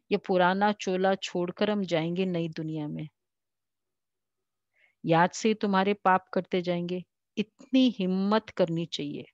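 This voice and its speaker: Slow-speaking Indian woman explaining scripture. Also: medium pitch, a little mellow, dry recording, dull audio. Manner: slow, explanatory, quotes the Father in a raised voice. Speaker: spiritual teacher. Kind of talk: devotional class reading and explaining scripture.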